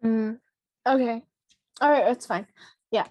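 A woman's voice: a little high, unhurried, darkish tone, no echo. A young woman chatting casually over a video call, blunt and teasing with her opinions. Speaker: co-host.

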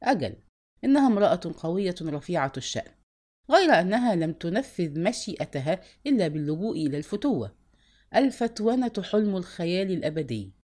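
A woman narrating a literary novel as an audiobook, with expressive, varied intonation. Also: on the low side.

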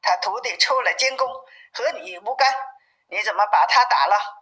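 A woman's voice: medium pitch, moderate pace, pushed and bright, close to an everyday voice. Woman reading as weary, pleading suffering monks. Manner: pleading, lamenting. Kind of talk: storybook reading. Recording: narrow phone-like sound.

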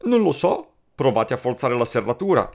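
Man voicing a confident friendly swallow for a storybook tale; coaxing, lively, a bit gravelly. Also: mid-range voice, normal speed, pitched above the performer's own voice. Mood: encouraging.

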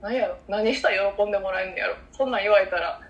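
A woman from Kyoto with a soft, soothing Kansai lilt, chatting politely and gently as a podcast co-host. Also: mid-range voice, quick pace, highs cut off. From Kyoto, Japan. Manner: polite, elegant, conscientious. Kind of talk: casual podcast chat. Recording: faint background noise.

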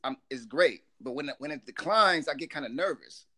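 Man, bright and fairly high voice, halting speech, casual guest beside his wife. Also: lively intonation. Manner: halting, many restarts. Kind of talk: casual conversation.

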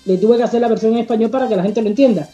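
Talking very fast in a warm, slightly high voice, a singer from Cuba with a Cuban Spanish accent answers an interviewer with passion and emphasis. She occasionally hunts for words, and the recording is muffled with faint music behind her.

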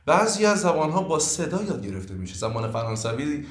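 A man's voice: fairly high pitch, very animated. Earnest man lecturing in an echoey room. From Iran. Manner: earnest, lecturing, many fillers. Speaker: language teacher. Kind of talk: podcast interview answers.

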